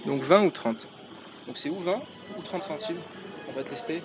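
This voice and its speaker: A man's voice: on the high side, normal speed, music in the background. A man from France chatting casually to viewers in a travel vlog, walking through city streets and into a metro station. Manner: chatty, informal, addresses viewers as "les gars". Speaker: travel vlogger. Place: outdoors on busy city streets, later in a quiet metro station. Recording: loud street noise behind. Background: traffic and street noise.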